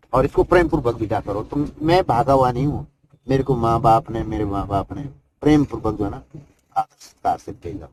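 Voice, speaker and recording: With a medium-pitched, slightly mellow voice, an elderly Himalayan yogi spins a rambling, folksy account of his life, frequently appending "isn't it." Ambient noise runs behind him.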